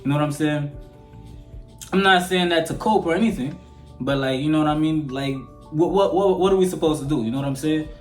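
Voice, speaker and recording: Soft music plays behind an eighteen-year-old vlogger from Sudan whose voice is on the high side and fairly quick, with an American accent. In a roomy, echoey space, he rambles through an opinion rant to camera, frequently asking whether you follow him.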